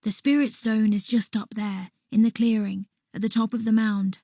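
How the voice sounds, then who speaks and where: A woman reading a first-person children's story aloud in a soft, unhurried voice that sometimes drops to a whisper. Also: a little high, little pitch movement, no echo, studio quality. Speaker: audiobook reader.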